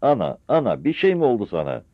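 A man voicing a young male outlaw who shouts urgently, in a dull, dry old radio recording. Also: mid-range voice, wildly swooping pitch, fast talker, no room sound, pitched above the performer's own voice. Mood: worried. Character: young male mountain outlaw, fierce and protective of his mother.

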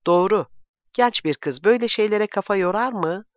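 An aging father given to musing, slightly grand lectures, voiced by a male reader. He speaks a little higher and louder than the reader's usual tone. The recording is dry and somewhat dull. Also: moderate pace, dry recording, lightly acted.

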